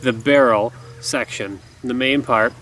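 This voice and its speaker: A man's voice: mid-range voice, a little slow, a bit bright, low-quality recording. A man in his thirties giving a casual, easygoing instructional talk in an explanatory way. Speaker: duck call instructor. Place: outdoors in a garden by woods. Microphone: camera a few feet away. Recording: outdoor camera audio with background noise.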